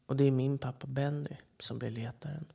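Brief: podcast horror narrator, calm and measured, mid-pitched voice with a gravelly rasp. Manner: calm, measured storytelling with short quoted voices. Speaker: podcast storyteller.

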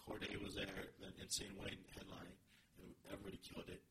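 A comedy podcast co-host chats in casual banter, rambling, animated and constantly restarting his sentences. His voice is low and fast, buried under heavy background noise.

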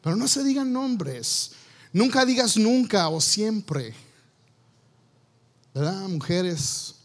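A man's voice: high-pitched, expressive, slow pace. A male pastor preaching a sermon on marriage, playfully acting out quoted husbands and wives. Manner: playful, acts out quoted spouses.

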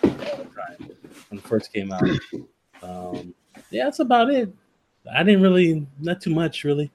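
A laid-back man with a lively, swinging pitch jokes among friends. He laughs easily and keeps a relaxed, easygoing tone throughout. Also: unhurried, a little hiss or hum. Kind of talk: casual chat.

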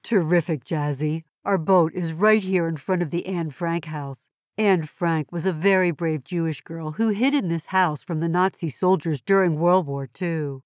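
A woman voicing a calm, sensible girl who explains things in a measured, articulate way for a children's educational audio story. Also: on the low side, dry recording, clean studio sound, close to an everyday voice. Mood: upbeat, informative.

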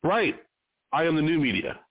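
A man's voice: a little high, big pitch swings, normal speed, no echo. Rambling male talk-show host on a phone line. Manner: rambling, conversational, trails off. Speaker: host and producer of an independent show. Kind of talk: interview hosting. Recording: dry, tinny phone-line sound.

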